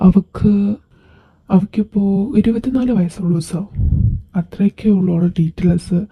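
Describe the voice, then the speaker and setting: A woman's voice: fairly low pitch, moderate pace, slightly rough. A woman voicing a dutiful male henchman reporting to his boss in an amateur audio drama, rambling and deferential. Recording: dull lo-fi recording.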